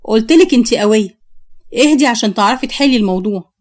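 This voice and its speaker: Steady reassuring egyptian doctor guy, high voice, a woman doing him. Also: fast, natural voice. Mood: calm. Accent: Egyptian Arabic. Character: calm male psychiatrist friend, reassuring.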